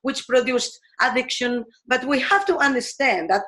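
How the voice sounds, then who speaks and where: A woman teacher from Spain, explaining her ideas in English earnestly, pausing often and searching for words. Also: sits high, bright, forceful tone. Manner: earnest and searching, with frequent pauses and fillers. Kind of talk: explanatory talk in a video series.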